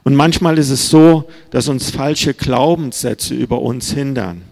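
A man's voice: mid-range voice, a little slow, gravelly, a little mellow. A man preaching a sermon in an earnest, plain-spoken way, reading scripture aloud. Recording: reverberant hall.

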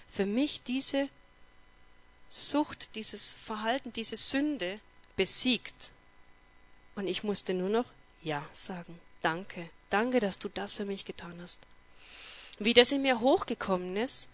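A woman telling her personal faith testimony in a lively way, acting out dialogue and turning earnest and emotional when she reflects. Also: mid-range voice. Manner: lively storytelling that acts out dialogue.

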